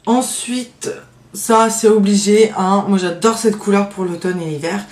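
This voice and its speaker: A woman with a mid-range, a little mellow voice talks unhurriedly and in a steady tone about her favorite nail polishes. It's a casual show-and-tell beauty vlog, recorded in an echoey room with a faint hiss or hum. She hesitates often, using many fillers and trailing "donc voilà," while staying enthusiastic about her favorites.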